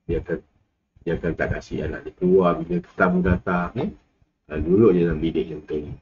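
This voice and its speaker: A man's voice: deep voice, steady tone, fairly quick, narrow, tinny audio, slight background noise. A man with a Malaysian accent lecturing a class in a casual, rambling way, full of fillers and asides. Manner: rambling, with many fillers and laughs.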